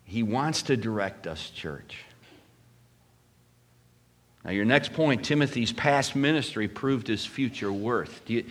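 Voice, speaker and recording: A man preaching a sermon to his church, animated and swinging from loud emphasis to hushed asides. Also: medium pitch, takes it slowly, pauses often. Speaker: pastor.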